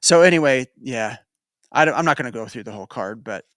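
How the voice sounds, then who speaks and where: This American podcast host talks sports betting in an animated, fast, fairly bright mid-range voice, rambling, chuckling and correcting himself along the way. It's studio quality with no echo.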